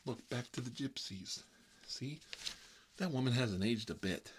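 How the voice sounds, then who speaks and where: In a mid-range voice that runs a little slow, this man plays a fussy, petty grown man stuck babysitting in a chatty ASMR role-play, rambling on gossipy and petulant. The recording is clearly noisy, with clicks.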